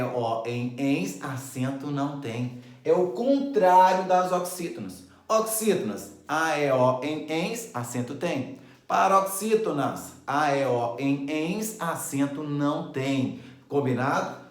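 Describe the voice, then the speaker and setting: A man teaching a lively grammar lesson who keeps checking in with his listeners. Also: fairly high pitch, echoey room.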